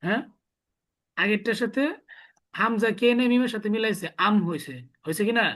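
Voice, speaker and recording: Bright and forceful, a man with a high voice talks fairly quickly while teaching a small class, walking through each step and repeatedly asking his students the same question.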